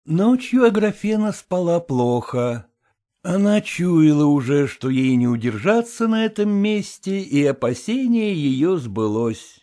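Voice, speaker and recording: A man narrates a classic story with dramatic expression. His voice is high and highly animated. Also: a little slow. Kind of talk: literary audiobook reading.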